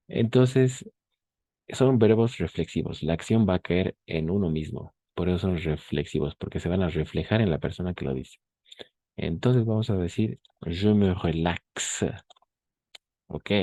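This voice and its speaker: Low, mellow-voiced male teacher, patient and repetitive, dry close recording. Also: no room sound. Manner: patient, repeats French examples slowly, checks in with "¿no?" and "ujú". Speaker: French teacher. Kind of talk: online class explaining French grammar in Spanish.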